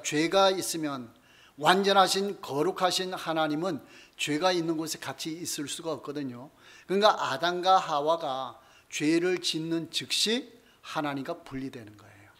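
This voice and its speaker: A male pastor gives a Bible study sermon in a church. He asks his congregation questions, answers them himself, and slows down and softens his voice to close each point. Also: fairly high pitch. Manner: slows down and drops softer to end key points.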